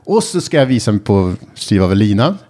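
Husky man telling a lively story. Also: lowish voice. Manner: animated storyteller who shouts and mimics when excited. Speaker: TV travel presenter and guest storyteller. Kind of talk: casual podcast chat, animated storytelling.

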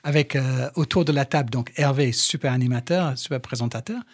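A man's voice: medium pitch, a little fast, no echo, clean studio sound. Englishman speaking French with an English accent. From England. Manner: animated storyteller, fillers and restarts. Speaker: podcast guest. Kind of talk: casual conversation. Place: studio.

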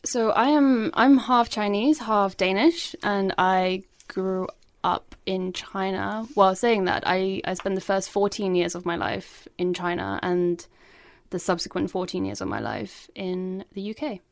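A woman co-hosting a podcast, talking in a thoughtful, measured way. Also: medium pitch, dry recording. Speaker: podcast host. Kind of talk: casual chat.

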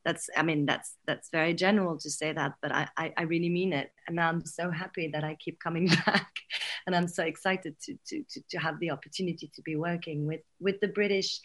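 French actress guest, casual and halting, repeats words, laughs often. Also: female voice, low-pitched, fairly even intonation, a bit bright. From Paris, France. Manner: hesitant, many restarts and repeated words; laughs often while talking. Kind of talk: casual interview chat.

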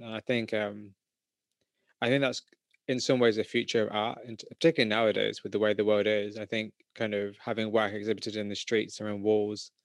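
A man hosting an art interview podcast, measured in his intro and relaxed and keen in conversation. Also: fairly low pitch, creaky, no room sound. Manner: scripted, measured intro then relaxed, enthusiastic chat. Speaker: podcast host.

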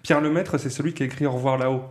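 A man co-hosting a podcast, joking in casual chat. He speaks in a stop-start way with fillers, at a middling pitch. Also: steady tone, racing. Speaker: podcast co-host.

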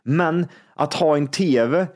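A man in casual chat among friends, rambling and excitable, laughing often. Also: fairly high pitch.

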